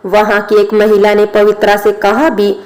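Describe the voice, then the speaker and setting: Brief: woman storyteller, scripted narration, very flat pitch. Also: a little slow, rough recording.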